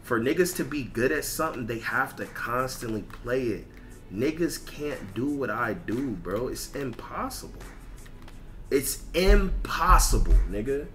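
Over background music, a man livestreaming video games rants casually in repetitive, profane slang. He has a medium-pitched, fairly bright voice that is sing-song and unhurried.

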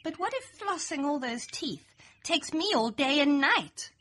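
A young adult woman reads a rhyming children's picture book aloud in a playful, sing-song storytelling style. Her high, slightly bright voice is very animated and unhurried, making for an expressive read-aloud.

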